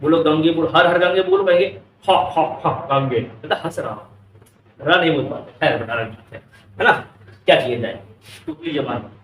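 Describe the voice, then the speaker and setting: A man's voice: fairly high pitch, normal speed, fairly bright tone, slight background noise. A male physics teacher with an Indian English accent lecturing a class, constantly firing questions at the students. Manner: keeps quizzing students, calls them beta. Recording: echoey classroom, mic far off.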